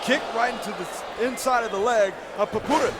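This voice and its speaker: A man giving excited lucha libre announcer commentary, calling the play-by-play emphatically. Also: extremely high pitch, brisk, a loud crowd, heavy background noise. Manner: emphatic, shouted calls. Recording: loud music behind. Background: loud music.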